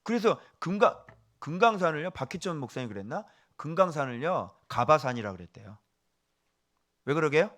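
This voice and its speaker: A male pastor preaching a sermon, animated and firing questions at the congregation, dropping to a hush for asides. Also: a little high, fairly quick.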